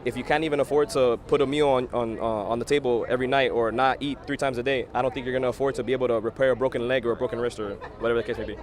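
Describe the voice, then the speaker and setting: Young man, 18, from Miami, student, earnest, "like" fillers, fast talker, outdoors. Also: mid-range voice, steady tone, a faint crowd. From Miami, Florida. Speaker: college student and first-time voter. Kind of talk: street interview. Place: outdoors at an election event.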